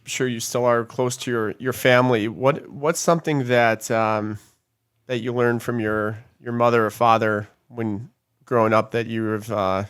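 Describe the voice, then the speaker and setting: A man hosting a podcast, asking friendly questions with a few halting restarts. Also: medium pitch, fairly even intonation, a bit bright, clean tone. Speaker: podcast host. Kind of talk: interview questions.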